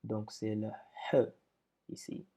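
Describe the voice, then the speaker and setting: A man's voice: on the low side, flat delivery, takes it slowly, mellow. A man teaching a step-by-step lesson, explaining patiently with repetitions and speaking up when he drills syllables.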